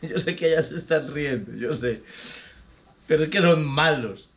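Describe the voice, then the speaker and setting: Joking man host, fairly high voice. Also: unhurried, lo-fi sound. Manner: chuckles at his own bad jokes. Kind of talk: casual chat telling corny jokes.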